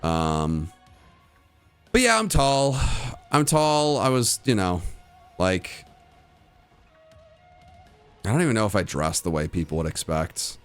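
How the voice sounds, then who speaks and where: Soft background music plays as a young man streams and chats casually with viewers, rambling through fillers and restarts and laughing a lot. His lowish, smooth voice, often called good for radio, is sing-song and slow with long pauses.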